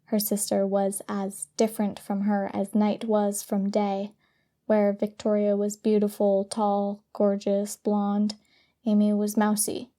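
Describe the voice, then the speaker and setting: A woman narrating an audiobook in a steady, even storytelling manner. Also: medium pitch, takes it slowly. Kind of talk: scripted narration.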